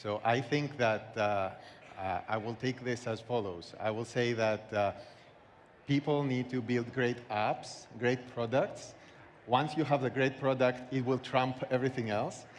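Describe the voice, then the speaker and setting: A man giving remarks as a conference panelist, with a halting, searching delivery. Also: mid-range voice, fairly even intonation. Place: large conference hall. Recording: echoey hall, background noise.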